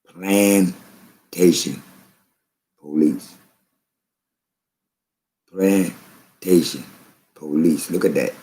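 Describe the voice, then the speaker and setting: A man's voice: low voice, darkish tone. A man talking to camera in a preachy, emphatic way, often repeating himself. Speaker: vlogger. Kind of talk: slow spoken commentary to camera.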